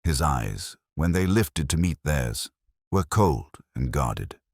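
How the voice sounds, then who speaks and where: Male narrator, very deep, lively intonation, dry close recording; calm measured audiobook storytelling. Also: dry recording.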